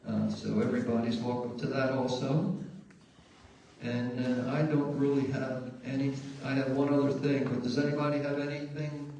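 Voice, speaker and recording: A man's voice: mid-range voice, moderate pace. Man chairing a meeting in an echoey room. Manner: relaxed, rambling with fillers. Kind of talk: community meeting talk. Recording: echoey room, mic far off, background noise.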